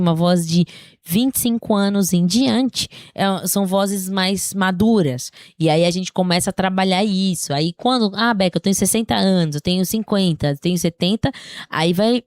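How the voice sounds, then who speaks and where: A woman's voice: medium pitch, darkish tone, no echo, clean studio sound. A woman singing teacher with a slightly sore throat, giving a casual spoken lesson, explaining things in a chatty way and often checking in with her listeners.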